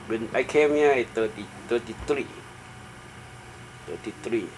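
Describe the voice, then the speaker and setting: A middle-aged man from Thailand with a Thai accent answers interview questions in halting, simple English with short broken phrases, as a native Thai speaker. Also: mid-range voice, a crowd in the background. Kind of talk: informal oral history interview. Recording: noisy room with steady background hum.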